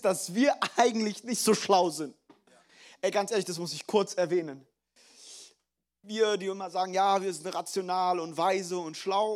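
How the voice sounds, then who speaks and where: A young male pastor preaches with a high, bright-sounding voice. He speaks in a lively, joking manner, mixing English phrases into his sermon. His delivery swings between energetic emphasis and quieter, personal storytelling.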